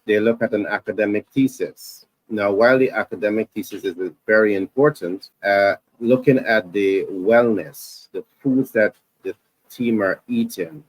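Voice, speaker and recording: Formal male interviewer, low voice, dry sound. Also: dry recording, low-quality recording. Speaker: interviewer host. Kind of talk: interview questions and praise.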